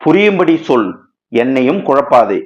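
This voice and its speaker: A man voicing a calm male friend in a storybook reading, asking steady questions and urging the other to speak plainly, on a dull lo-fi recording. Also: medium pitch, normal speed, lightly acted. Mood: questioning. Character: calm male friend, patient but pressing.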